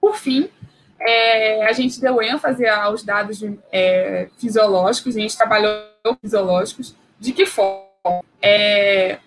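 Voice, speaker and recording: A woman's voice: mid-range voice, slow, soft background music, low-quality recording. A woman from Brazil giving an academic biology lecture, hesitant, with many fillers and restarts.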